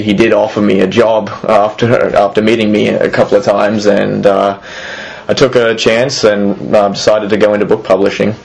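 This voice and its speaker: A museum executive in his thirties, originally from Australia, answers interview questions hesitantly, full of fillers and restarts. His voice is lowish and creaky, and the recording quality is low.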